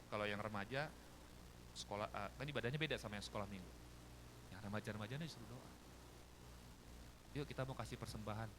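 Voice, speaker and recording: A man's voice: mid-range voice, noisy background. A male pastor from Jakarta with a Betawi Jakarta accent, preaching a sermon and telling stories in which he acts out other people's voices. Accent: Betawi Jakarta Indonesian.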